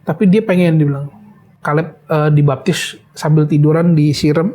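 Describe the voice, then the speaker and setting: A middle-aged man giving an emotional personal testimony in an interview, speaking hesitantly with many pauses. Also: a little high, steady tone, mellow. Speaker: interview guest, bereaved father.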